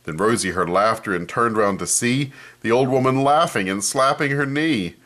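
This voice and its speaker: A man reading a children's picture book aloud in an expressive storytelling manner, commenting on the pages as he goes. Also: medium pitch, moderate pace.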